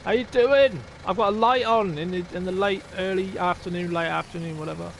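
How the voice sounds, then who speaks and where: Chatting casually on a live stream while he plays a farming game, a man thinks aloud, talks to viewers, and swears now and then. He speaks fast in a high, fairly bright voice with vocal fry and fairly even intonation, over slight background noise.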